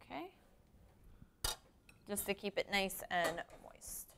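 A woman's voice: medium pitch, expressive, slow pace, gravelly, heavy background noise. A young woman hosting a cooking show in a home kitchen studio, chatting upbeat as she explains each step. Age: young adult. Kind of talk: casual cooking demonstration.

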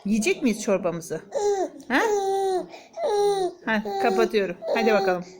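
A woman's voice: mid-range voice, measured pace. A young woman, talking baby talk to her child in a sing-song voice and scolding playfully. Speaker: mother filming her baby.

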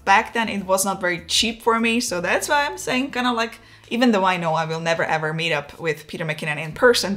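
A relaxed, Czech-accented woman from the Czech Republic vlogs about photography as a YouTuber, using a mid-range voice. She's chatty and self-deprecating, moving her hands as she talks in a casual talking-head format, recorded indoors in a home studio room with a wireless lapel mic.

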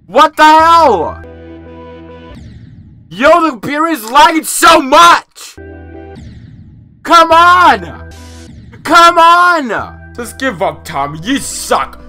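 Male let's-player cooped up in a closet; frustrated, jumpy, bright tone with faint game music under him. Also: very high-pitched, drawn-out words, pauses often. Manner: excitable, frustrated, talks to viewers. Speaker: gamer. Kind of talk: let's-play commentary. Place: inside a closet at night.

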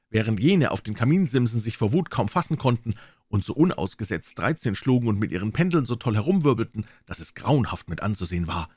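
A man with a fairly low voice narrates a story with theatrical flair, his pitch rising and falling widely. The sound is dry and close to the mic, with no room around it. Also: husky, dry recording. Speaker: audiobook reader.

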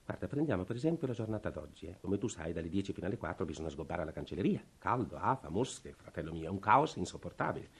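A frantic, husky harried official. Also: male voice, low-pitched, very animated, quick pace, few pauses, heavily acted. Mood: weary complaint. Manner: breathless, pleading, ranting. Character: harried middle-aged male state official, desperate. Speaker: worn-out family man begging for a revolver. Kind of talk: 1950s radio drama acting.

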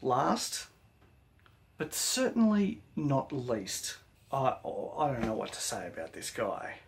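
Chatty Australian woodworking vlogger. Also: male voice, medium pitch, huge pitch swings, slow pace, creaky. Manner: enthusiastic, slangy praise for fellow makers. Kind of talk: casual vlog narration.

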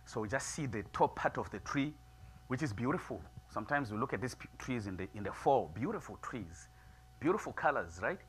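A middle-aged man preaching a sermon in a small church, moving from quiet musing to loud, emphatic preaching. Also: mid-range voice, very animated, a little fast. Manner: builds from soft musing to loud preaching, gestures widely. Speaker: pastor. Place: small church sanctuary, seated before altar flowers.

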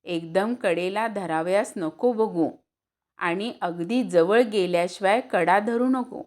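A woman's voice: mid-range voice, takes it slowly, darkish tone, natural voice. A woman voicing an older village youth who encourages a boy while teaching him to swim. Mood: encouraging. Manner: encouraging, coaxing.

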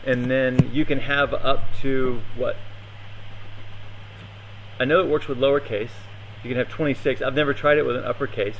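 A man's voice: medium pitch, a bit bright, lo-fi sound. Man, live coding demo, hesitant, many ums, noisy room, keyboard clicks. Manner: hesitant, thinking aloud with many fillers. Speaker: meetup presenter. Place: meetup room.

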